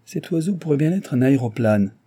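A man's voice: mid-range voice, lively intonation, a little fast, mellow, voice pushed up, lightly acted. A man reading voicing an assertive American adventurer who speaks emphatically. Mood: insistent.

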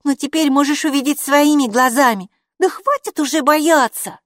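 A woman's voice: high-pitched, moderate pace, no room sound, clean studio sound, voice pushed up, natural voice. A woman playing a smug, bossy girl. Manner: smug and commanding. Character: proud, bossy older girl.

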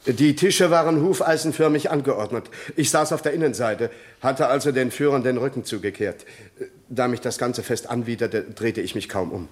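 A measured witness, played by a man, recounts events to the court in a vintage radio play. His delivery is even and matter-of-fact at a middle pitch. Nothing about it is showy. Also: lightly acted. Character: calm male witness giving sworn testimony. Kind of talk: 1960s radio drama acting.

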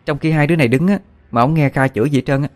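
A man's voice: a little high, very fast, faint music behind, voice pushed up, natural voice. A man voicing a playful, mocking young woman student, raising his voice into a girlish tone. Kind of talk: audiobook character voice.

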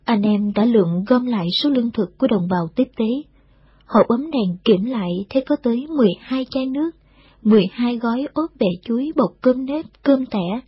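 A woman narrating a novel as an audiobook reading in a steady storytelling way. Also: a little high, slightly rough, no room sound. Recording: dull, dry recording.

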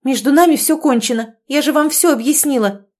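A woman's voice: sits high, fairly quick, darkish tone, voice pushed up, lightly acted. A woman voicing a frightened young bride with a shaky, pleading voice, in an audiobook reading.

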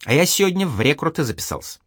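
A man voicing a restless young lad who cannot sit still, his voice pushed up higher than the narrator's own. He talks quickly, in an excited, urgent rush that swings widely in pitch. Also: slightly rough, dry recording, studio quality, heavily acted. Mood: eager. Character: eager impulsive teenage boy, pleading. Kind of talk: audiobook character voice.

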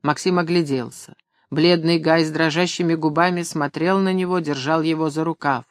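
A man reading a novel aloud in an even, measured storytelling voice. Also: on the high side, no room sound, clean studio sound. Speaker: audiobook narrator. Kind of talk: scripted narration.

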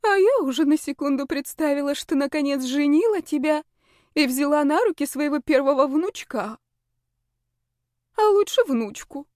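A high, lilting older matriarch, as a woman reading an audiobook puts her on, sly and theatrical, forever sighing for grandchildren. Her lines come bright against a dry, close recording. She wheedles and schemes in every phrase. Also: animated, normal speed, no echo. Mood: lamenting, sly. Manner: sly, theatrical, dramatic sighs.

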